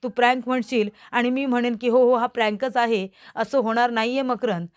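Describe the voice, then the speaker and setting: An angry young woman demanding answers from a man, as a woman narrator reads her part. The pitch sits a little high and the questions press hard. It is a spoken recap of a TV serial. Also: steady tone, normal speed, clear, resonant tone, close to an everyday voice. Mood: confronting.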